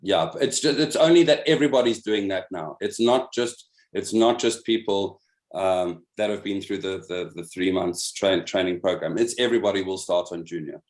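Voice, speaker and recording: A man's voice: sits low, moderate pace, echoey room. A man leading an online meeting of instructors, patiently explaining a program step by step and often repeating words as he searches for them. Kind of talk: explaining a program on a video call. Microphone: video call.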